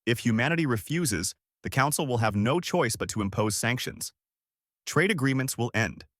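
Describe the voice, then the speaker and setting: A man's voice: medium pitch, animated, no room sound, clean studio sound, lightly acted. A man reading a stern alien council leader. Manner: measured, formal, growing hard.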